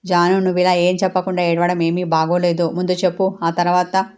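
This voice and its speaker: Brief: woman playing a protective lawyer aunt, lowish, level tone, audio story. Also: level tone, a little fast, a little mellow, clear, resonant tone, close to an everyday voice. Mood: consoling.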